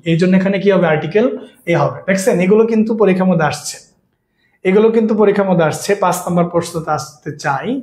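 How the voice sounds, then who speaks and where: A male teacher from Bangladesh, running an online grammar lesson. He talks quickly in a high voice and keeps repeating his questions to coax answers from his students. The recording has a roomy echo. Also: a little mellow.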